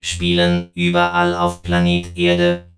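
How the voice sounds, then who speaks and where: A man's voice: low voice, big pitch swings, slow, a bit bright, clear, resonant tone, faint music behind, voice pushed down, heavily acted. A man voicing a pale alien with a clanking electronic voice effect, speaking in clipped, broken phrases in a storybook reading. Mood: flat, eerie. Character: pale alien with broken speech, flat and eerie.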